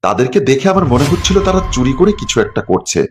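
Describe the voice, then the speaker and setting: A man's voice: medium pitch, big pitch swings, a little fast, slight background noise, natural voice. Man voicing a young woman cousin, confiding, worried.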